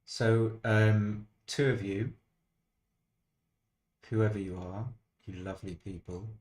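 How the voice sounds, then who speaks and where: Man, lowish voice, casual stream chatter, dry self-deprecating humor, talks to himself while playing. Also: fairly even intonation, slow, a little mellow. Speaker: streamer playing online backgammon. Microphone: desk microphone.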